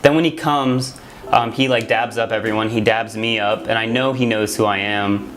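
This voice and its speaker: A man's voice: on the low side, fairly even intonation, normal speed, a bit bright. A man in his twenties from Miami casually telling a story to camera, rambling with lots of "like" fillers. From Miami, USA. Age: 20s. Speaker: vlogger. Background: music playing underneath.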